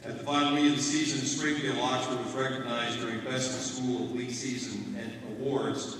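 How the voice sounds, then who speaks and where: A man's voice: mid-range voice, little pitch movement, a little fast, crowd noise. Male announcer in a very echoey hall. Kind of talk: scripted ceremony announcement. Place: large indoor hall. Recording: echoey hall from far off, noisy.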